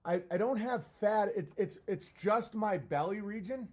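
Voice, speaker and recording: A male streamer with a slightly high-pitched voice. He talks casually to his viewers, stopping and starting as he rambles. His language is profane and often turned against himself. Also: measured pace, a little mellow, breathy edge. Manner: profane, self-deprecating. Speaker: live streamer. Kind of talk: casual livestream rant, answering chat comments.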